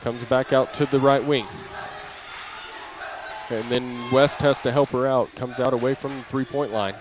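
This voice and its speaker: Working a radio broadcast from an indoor gym mid-game, this male announcer gives basketball play-by-play at a slightly slow pace. His medium-pitched voice stays fairly even in intonation, though he raises it with the action, using brief, clipped phrases. Bouncing balls and noisy gym sound surround him.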